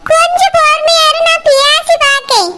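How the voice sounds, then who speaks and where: A shrill, bossy older Tamil matriarch. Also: steady tone, normal speed. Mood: worried, scolding. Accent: Kanyakumari Tamil. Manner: scolding, commanding, loud. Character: stern, domineering older Tamil mother and aunt. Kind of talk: cartoon voice acting. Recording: loud background noise.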